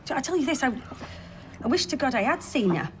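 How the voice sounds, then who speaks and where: A woman's voice: high voice, lively intonation, brisk, a little hiss or hum. An actress playing a defensive, exasperated woman in a TV soap, indignant and biting. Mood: indignant, agitated. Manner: indignant, sarcastic. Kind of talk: television soap drama.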